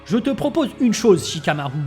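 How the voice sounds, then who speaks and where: A woman's voice: medium pitch, very animated, a little fast, dark tone, soft background music, lightly acted. A woman voicing an arrogant, menacing male official in a manga summary, speaking in a haughty tone.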